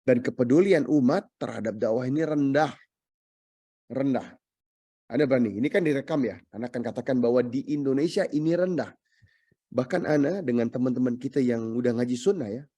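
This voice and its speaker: A man's voice: mid-range voice, fairly quick, warm tone, husky, no room sound. A man preaching a sermon, emphatic and repetitive, slipping English phrases into his talk.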